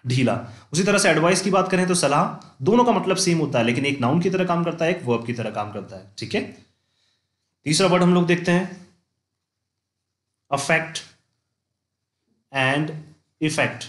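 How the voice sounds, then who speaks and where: A male teacher giving an English vocabulary lesson, repeating points and slowing down to dictate example sentences. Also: on the high side, animated, roomy sound. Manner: repeats points with "theek hai" checks, slows to dictate examples. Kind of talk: classroom-style lesson.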